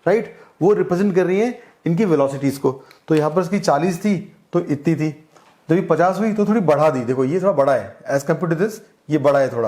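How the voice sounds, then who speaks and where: A man's voice: fairly high pitch, darkish tone. A man with an Indian accent teaching a physics lesson, explaining step by step and checking in with his students often. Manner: explains step by step, mixing English terms into Hindi, checks in often. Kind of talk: classroom-style lecture.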